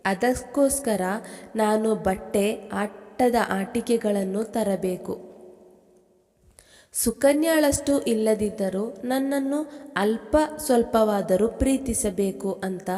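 A woman voicing a hurt young wife who pleads slowly through tears. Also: a little high, warm tone, big-room sound. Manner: pleading, slow.

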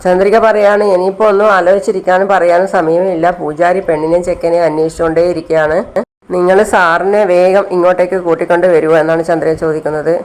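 A man recaps a TV serial episode in a relaxed, spoken storytelling way. His voice sits a little high for a man and sounds smooth and clear. He talks steadily and plainly, with the odd hesitation sound. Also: quick pace, rough recording. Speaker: channel host recapping a TV serial.

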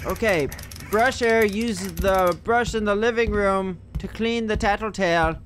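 A man's voice: high voice, a little slow, fairly bright tone. A young man giving scared horror game commentary, jumpy and foul-mouthed, exclaiming and muttering to himself. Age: young adult. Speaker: gaming streamer. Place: indoor room at home. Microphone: close desk microphone with headset headphones.

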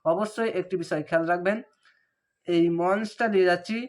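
A man teaching Quran reading, speaking with a Bangladeshi Bengali accent. He spells out the syllables slowly and then chants the whole words. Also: high voice, fairly even intonation. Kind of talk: step-by-step recitation lesson.

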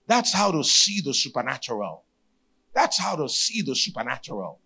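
A man's voice: medium pitch, very animated, moderate pace, vocal fry, pushed and bright, slightly rough. A middle-aged man with a Nigerian accent preaching a sermon, emphatic and given to repeating key phrases. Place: stage at a church retreat, indoors. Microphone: handheld microphone.

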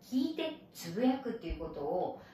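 Animated Japanese woman teaching in echo. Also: fairly low pitch, fairly quick, a little hiss or hum. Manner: animated, explains with playful sound effects. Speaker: English teacher. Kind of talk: recorded English lesson. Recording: echoey room from far off.

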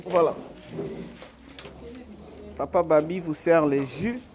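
A man with a Congolese accent works as a reporter, asking questions and calling out lively instructions. His voice sits high. A loud crowd surrounds him. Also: slow. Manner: brief affirming interjections, then lively calls to a crowd. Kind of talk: street interview and event hosting.

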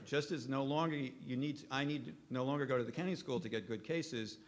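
A man's voice: medium pitch, fairly bright tone, slight background noise. A man in his fifties giving a conference keynote lecture from a podium microphone in a hotel ballroom, often stopping to correct himself. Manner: halting, self-correcting delivery. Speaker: keynote speaker.

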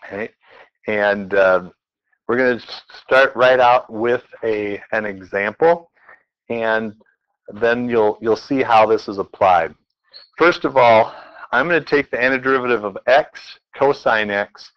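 A man's voice: on the low side, unhurried, clean tone, muffled recording. A man teaching a math class in a classroom, working examples aloud and playfully quizzing his students as he goes. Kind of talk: classroom lecture.

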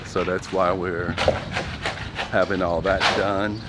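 Slow, deep-voiced man on a walking tour. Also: level tone. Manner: rambling, conversational, fillers like "you know". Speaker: vlogger giving a property tour. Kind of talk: casual walking-tour narration. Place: outdoors on a street and yard in the sun. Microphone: handheld phone camera. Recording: outdoor phone recording with clear background noise.

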